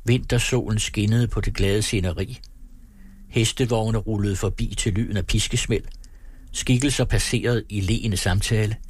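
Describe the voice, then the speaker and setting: A man narrating a story aloud in a steady, measured way. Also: lowish voice, breathy edge, dry recording.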